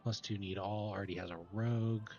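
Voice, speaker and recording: A man casually commenting on his own gameplay as a guide host, chatty and relaxed while he plays. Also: on the low side, fairly quick, muffled recording, soft background music.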